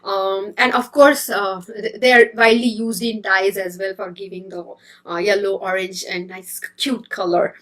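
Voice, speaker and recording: A woman's voice: mid-range voice, flat delivery, normal speed, fairly bright tone. A woman from India, hosting a casual healthy-eating live stream, chatty and hesitant with many fillers and restarts. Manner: greets viewers and reads comments as she goes.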